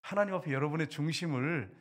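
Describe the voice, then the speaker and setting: A middle-aged man, a pastor, preaching an animated sermon with sudden loud bursts and hushed asides. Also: a little high, fast talker.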